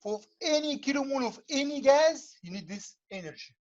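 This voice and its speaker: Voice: sits high, animated, muffled recording. A professor teaching an online lecture whose audio keeps breaking up over the video call, repeating key words to drive each point home. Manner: repeats key words, checks understanding with quick questions. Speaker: engineering professor.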